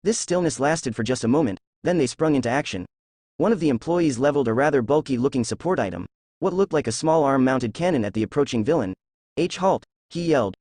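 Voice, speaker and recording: A man reading a fan fiction story aloud in a steady storytelling voice. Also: medium pitch, fast talker, no echo, studio quality. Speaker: narrator.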